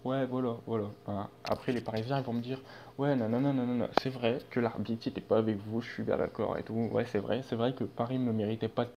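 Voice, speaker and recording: A man's voice: mid-range voice, steady tone, fast, few pauses, darkish tone. A man running a football vlog, talking in a casual, rambling way with many restarts and fillers. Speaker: football channel vlogger. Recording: dull lo-fi sound with faint hum.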